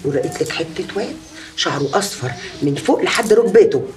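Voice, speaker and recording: A woman's voice: on the low side, animated, fast, darkish tone, close to an everyday voice. An actress with an Egyptian accent playing a boastful, gossiping woman who has married many times. She tells her story in a chatty, exaggerating way. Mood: boasting. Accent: Egyptian Arabic.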